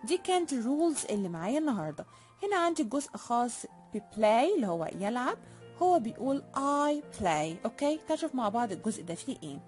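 Young egyptian woman teaching kids english, drawn out english phrases, quick arabic bits, bouncy voice. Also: fairly high pitch, sing-song, a little mellow, soft background music. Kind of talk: children's English lesson.

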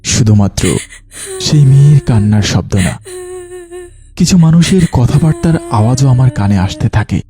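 Man narrating a ghost story, dark voice. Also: medium pitch, expressive, normal speed, pauses often. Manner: earnest, dramatic storytelling. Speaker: storyteller narrating in first person.

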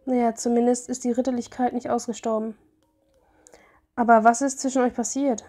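A woman puts on a gushing young bride for a mobile story game, her voice pitched up and eager. The tone underneath stays mellow and soft-edged. She reads every line as warm, breathless welcome. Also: flat delivery, brisk, natural voice. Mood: friendly.

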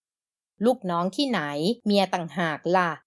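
A woman voicing a blunt, deadpan young man who teases and bosses his lover with crude, flat talk. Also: sits high, moderate pace, no echo, clean studio sound.

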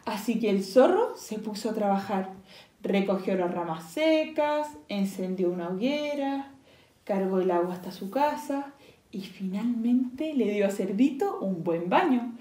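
A woman's voice: medium pitch, animated, a little slow, warm tone. Woman teacher reading a children's story. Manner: asks children questions in whispered asides. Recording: echoey room.

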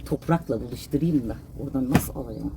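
A woman's voice: a bass voice, quick pace, gravelly, noisy background. A woman vlogging casually as she cleans and gardens, chatting to her viewers, her pets and her plants. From Turkey. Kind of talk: casual chat while doing chores. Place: home and garden.

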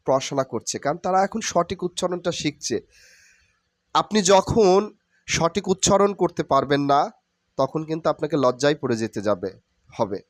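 A man's voice: on the high side, no echo. A man giving a spoken English pronunciation lesson that mixes Bengali and English, earnest and repeating each letter over and over.

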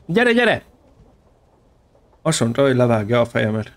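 In a mid-range voice, a gaming channel host runs through a casual let's-play, getting worked up, cursing, and jeering at the enemies on screen.

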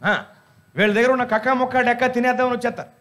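A male pastor with a high voice preaches with animated humor. He scolds his listeners with rhetorical questions that draw them in. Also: racing. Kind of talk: sermon.

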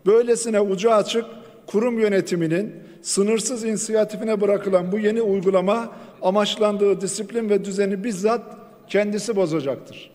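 Male lawmaker at a rostrum microphone, higher voice, formal, reverberant hall. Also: steady tone, moderate pace, darkish tone. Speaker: member of parliament giving a speech. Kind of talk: formal parliamentary floor speech. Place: large parliament chamber. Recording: long reverb of a large chamber.

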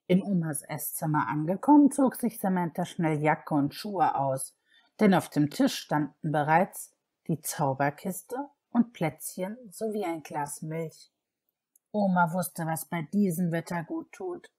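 A woman narrating a children's fairy tale audiobook. Her voice sits a little low and sounds mellow, with a husky edge. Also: expressive, a little slow. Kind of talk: scripted narration.

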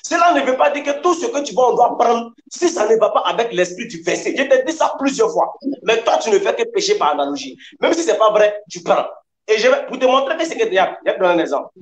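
High-pitched guy debating hard, keeps hammering the same point, roomy echo on his mic. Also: animated, fast. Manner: insistent, repeats points, lecturing tone. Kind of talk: heated online debate.

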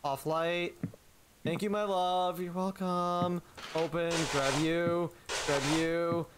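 A man's voice: high-pitched, little pitch movement, slow pace, noisy background. A man streaming a game, bantering loosely with a friend and reading game text aloud. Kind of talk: casual co-op game chat. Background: game music.

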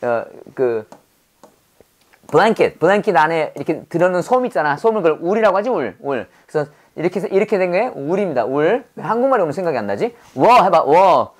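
A woman teaching an English vocabulary lesson, lively and drilling her learners with prompts to repeat after her. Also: on the low side, fast.

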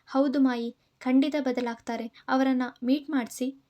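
Earnest young heroine reassuring a friend, high mellow voice, read by a woman storyteller in an audio story. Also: steady tone, a little slow, muffled recording. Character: caring young woman comforting an older friend.

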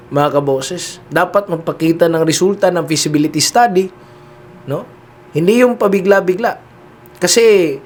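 A man hosting political commentary, talking to his listeners directly and tagging his sentences with "no?" and "di ba?". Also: fairly high pitch. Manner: keeps addressing listeners, heavy "no?" and "di ba?" tags.

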